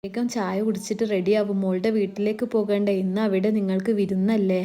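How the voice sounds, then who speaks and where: A woman voicing a gentle, caring mother-in-law who speaks softly and reassuringly, in a storytelling reading. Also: medium pitch, flat delivery, a little fast, natural voice. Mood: soothing. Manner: soft, reassuring.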